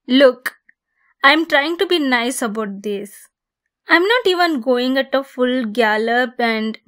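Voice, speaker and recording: A woman with a slightly high voice plays a possessive centaur captor in an ASMR roleplay monologue. She's bossy but caring, delivering her lines deliberately and teasingly.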